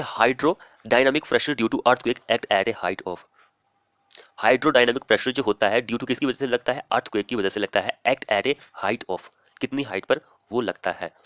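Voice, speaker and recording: A male teacher reading exam questions aloud slowly and explaining each answer in a plain, steady way. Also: fairly low pitch, no room sound. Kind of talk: screen-recorded exam lesson.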